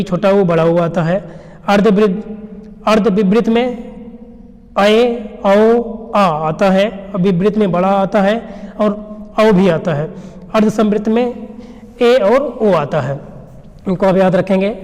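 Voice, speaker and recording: A man's voice: high-pitched, a little mellow, in a large hall. A male teacher giving an exam revision lecture, who asks questions and then answers them himself. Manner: explains by asking and answering his own questions.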